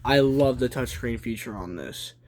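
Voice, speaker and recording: Filming on a handheld phone from behind the camera in a small room at home, a young adult collector presents a casual show-and-tell, naming items deliberately in short phrases. He has a medium-pitched voice, and the home video is noisy, with clicking.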